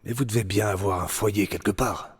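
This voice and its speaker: A man's voice: lowish voice, fairly even intonation, moderate pace, breathy edge. An actor playing an earnest, curious young male hero in a French video game dub, asking plenty of questions. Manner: inquisitive, earnest.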